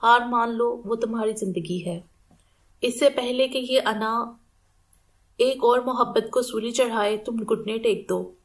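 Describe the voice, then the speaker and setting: A woman's voice: on the high side, close to an everyday voice. A woman reading a proud young man's remorseful inner monologue in an audiobook novel. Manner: inner monologue, self-questioning.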